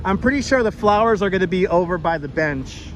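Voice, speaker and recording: A high-pitched male tour guide livestreams a walking tour, projecting animatedly and talking fairly quickly as he points out sights to online viewers. He's outdoors on busy city streets and along a park edge, with clear traffic and urban noise behind him. The recording is rough.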